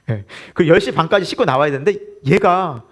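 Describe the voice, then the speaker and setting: A man's voice: a little high, sing-song, measured pace. A man in his forties preaching a sermon as pastor, telling a family story with laughter and asking the congregation questions.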